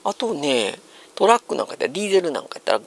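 Husky, lively Japanese man with Kansai accent. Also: on the high side, rapid-fire. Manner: explanatory, thinking aloud in colloquial dialect. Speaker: solo streamer commenting on news. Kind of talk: casual chat commentary on news. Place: small room at home, seated on a sofa.

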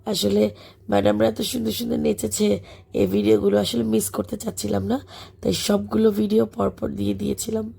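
A Bangladeshi woman, a schoolteacher, talks through her vlog in a casual voice-over. Her voice is hoarse and broken down to a heavy gravel, and its tone is husky and dark. She rambles along with many fillers. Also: medium pitch, little pitch movement, normal speed. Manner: chatty, warm about the children, frequent fillers. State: hoarse, voice gone from illness. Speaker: schoolteacher and vlogger. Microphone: voice-over recorded separately.

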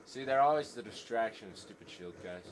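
A man chatting and trash-talking excitedly while playing a shooter game with a friend, yelling at every kill and death. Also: on the low side, brisk. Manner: excitable, yells and trash-talks during play. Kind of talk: casual gaming chatter. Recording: noisy game sound behind the voice.

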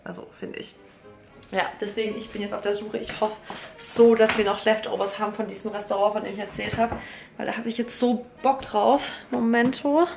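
A woman's voice: medium pitch, fairly even intonation, fairly quick, vocal fry, a little mellow, soft background music. A young woman vlogging casually to a handheld camera in an informal, chatty way, mixing in English slang. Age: young adult. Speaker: travel and food vlogger. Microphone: handheld camera at arm's length.

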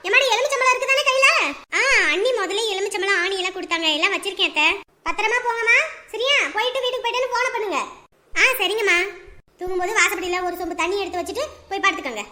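A middle-aged woman plays a mother-in-law who takes charge of the family. Her voice sits very high and bright, and she talks briskly in a caring but bossy tone. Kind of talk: family web series acting.

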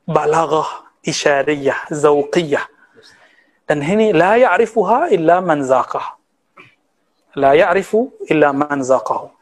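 High-voiced Indonesian preacher man. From West Sumatra, Indonesia. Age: 30s. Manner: conversational, teasing, mixes Arabic terms. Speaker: Islamic preacher. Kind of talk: religious study lecture.

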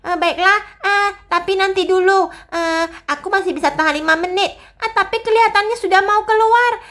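A timid little girl, as voiced by a woman, whimpers and gasps in panic through a voice-acted game role-play. The voice sits extremely high. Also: normal speed, a bit bright. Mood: nervous.

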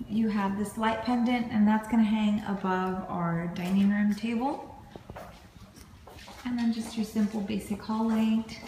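A woman's voice: mid-range voice, far from the mic. A woman giving a casual, upbeat house tour as a vlogger, pointing out fixtures as she walks through her unfinished home. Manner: chatty, upbeat, pointing things out. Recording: echoey empty house, loud room noise.

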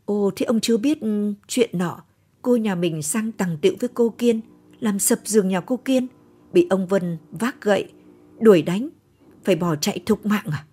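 A woman's voice: medium pitch, moderate pace, warm tone, husky, pitched above the performer's own voice, lightly acted. A woman doing a cheeky teasing grandson. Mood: gossipy.

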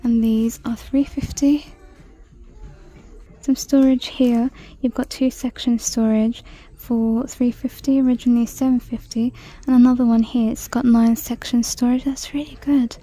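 A woman chatting through a shopping walk-through in a large store, reading out prices and sometimes dropping to a soft whisper, filmed on a handheld phone. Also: on the high side, little pitch movement, unhurried. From United Kingdom. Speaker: shopping vlogger. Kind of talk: casual shop-with-me commentary. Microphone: handheld phone camera.

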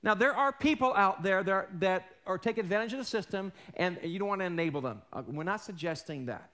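Preaching on a large church stage, this pastor in his forties is losing his voice but stays animated and emphatic, veering between loud and soft and firing questions at the congregation. He speaks a little fast, with a voice that sits high.

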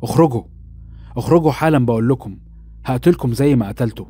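A man's voice: mid-range voice, racing, warm tone, husky, soft background music, close to an everyday voice. A man voicing a deformed young man locked in a cellar, speaking in an Egyptian accent with raised, tense delivery. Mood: furious. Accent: Egyptian Arabic.

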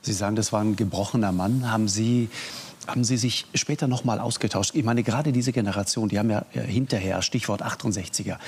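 Low gravelly male talk show host. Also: darkish tone, a little hiss or hum. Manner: probing questions, short backchannels. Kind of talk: interviewing a guest.

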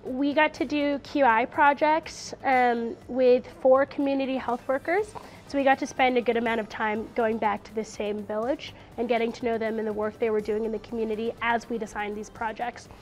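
High-voiced, heartfelt young woman. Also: steady tone, normal speed, soft background music. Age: young adult. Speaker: student participant. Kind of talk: reflective interview.

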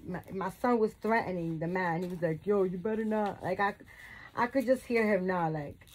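A woman's voice: lowish voice, normal speed, husky. Rambling, gushing woman vlogger. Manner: rambling, lots of "like" and restarts; gushing, affectionate. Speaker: doll collector vlogger. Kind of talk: casual chat to viewers.

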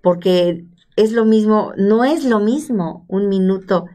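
A woman's voice: medium pitch, slow, warm tone. A middle-aged woman hosting a studio interview, agreeing with her guest and adding emphatic remarks. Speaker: talk show host. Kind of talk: casual interview chat. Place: studio with stone wall, seated at table. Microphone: desk microphone.

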